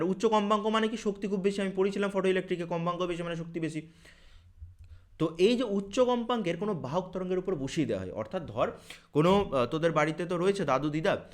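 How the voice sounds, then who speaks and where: A man teaches a physics exam-prep lesson at a rapid clip, his voice pitched somewhat high. He works through each step aloud and raises the students' likely questions before answering them himself.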